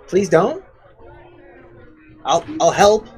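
A man's voice: high-pitched, sing-song, extremely slow, darkish tone, soft background music, some chatter behind, pitched above the performer's own voice, full character voice. A man voicing a nervous captured informant in a tabletop game, stammering and eager to please. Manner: stammering, anxious, pleading.

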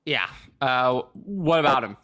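A man co-hosting a casual sports talk show, chatting in an animated way. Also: mid-range voice, a little slow. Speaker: podcast co-host.

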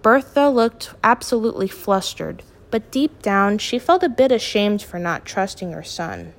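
A woman narrates her own story as a podcast host. Her storytelling is even and clear, with a medium pitch for a woman. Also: measured pace.

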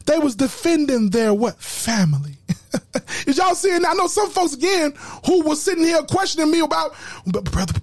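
Fiery high-voiced male preacher. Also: animated, normal speed, no room sound. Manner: fiery, shouting, stammers and repeats words. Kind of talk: impassioned sermon.

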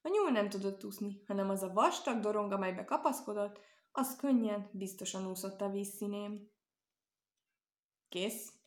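A woman narrating a children's animal tale, in a calm, even storytelling manner. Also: mid-range voice. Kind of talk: storybook reading. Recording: roomy echo.

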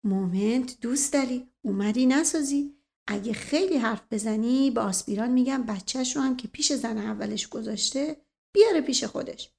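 A woman voicing a sly, joking middle-aged prince who talks in a soft, conspiratorial, teasing way. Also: a little high, gravelly.

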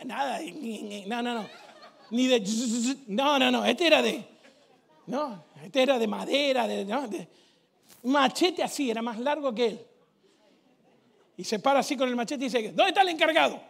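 A man, preaching a sermon in church with emphatic shouts and joking stories. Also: very high voice, creaky, husky. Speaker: pastor.

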